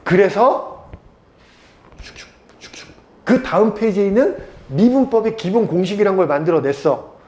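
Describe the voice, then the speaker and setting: A man's voice: sits high, expressive, brisk, a little mellow. A male math teacher giving a casual, blunt lecture, teasing his students and constantly quizzing them.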